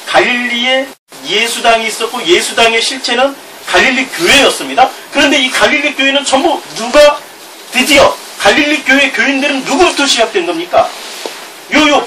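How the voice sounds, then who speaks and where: A middle-aged male pastor with a Gyeongsang Korean accent, preaching a sermon, reading scripture aloud with chuckling asides. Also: very high-pitched. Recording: distant mic with background noise.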